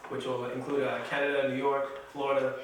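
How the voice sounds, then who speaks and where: A man's voice: medium pitch, little pitch movement, fairly quick. A man chatting as a guest comedian, joking and bantering. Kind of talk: casual chat. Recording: echoey room, distant mic, faint noise.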